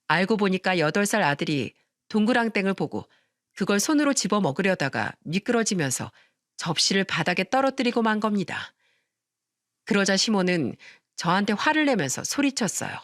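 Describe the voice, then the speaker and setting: A woman narrating a story in expressive radio-story style. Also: mid-range voice, normal speed, no room sound, clean studio sound.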